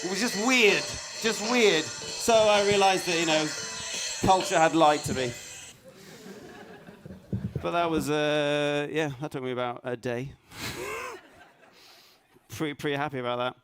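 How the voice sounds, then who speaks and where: A middle-aged man, raised in Norway, speaking at a conference, halting and self-deprecating, full of restarts and fillers. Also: fairly high pitch, fairly even intonation, over music. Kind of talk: hesitant conference talk. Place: conference hall stage.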